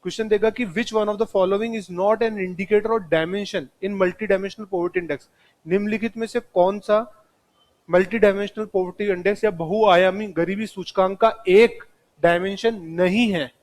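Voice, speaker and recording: A man's voice: high-pitched, steady tone, unhurried. A man teaching a live classroom lecture, speaking straight to his students and mixing in English terms.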